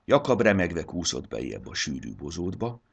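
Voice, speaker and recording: A man reading a children's fantasy story aloud with expressive narration. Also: low voice, creaky, breathy edge.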